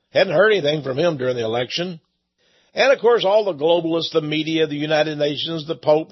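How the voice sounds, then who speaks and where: A man's voice: a little high, slightly rough. An older man hosting a talk show in a chatty, rambling monologue, laughing at his own remarks. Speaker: radio show host. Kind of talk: casual monologue. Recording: dull lo-fi sound.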